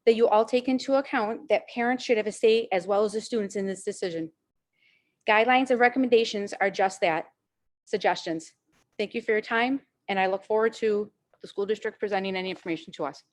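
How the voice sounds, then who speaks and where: A woman's voice: medium pitch, brisk. A woman reading a firm, insistent prepared statement as a parent during public comment at a school board meeting.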